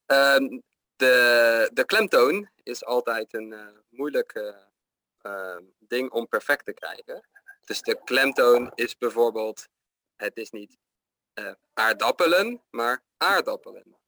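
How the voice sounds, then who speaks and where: A man's voice: medium pitch, takes it slowly, sharp tone, no echo. A man giving pronunciation feedback in casual chat, hesitant and full of fillers. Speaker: pronunciation coach.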